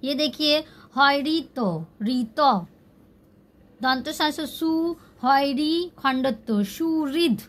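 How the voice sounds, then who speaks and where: Female teacher, high register, slow and patient, repeating syllables for beginners. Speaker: language teacher. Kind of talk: slow spelling-out lesson.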